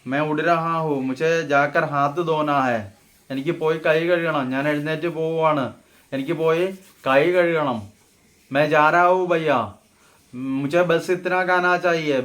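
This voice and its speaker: A man teaching everyday phrases, saying each example slowly and then explaining it. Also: a little high, a bit bright. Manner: slow, deliberate model phrases, then explained in Malayalam. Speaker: Hindi teacher. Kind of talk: casual spoken-Hindi lesson.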